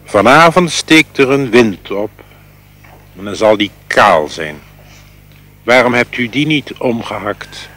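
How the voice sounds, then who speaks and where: A man voicing Death as a gentle, knowing old man, speaking low, quiet and unhurried. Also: expressive, full character voice. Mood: calm, hushed.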